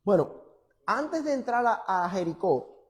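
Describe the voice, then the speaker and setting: Fervent preacher. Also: male voice, high-pitched, big pitch swings, a little slow. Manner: fervent preaching, swinging from loud emphatic scripture reading to quiet teasing asides. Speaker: pastor. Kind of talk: sermon. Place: church before a congregation.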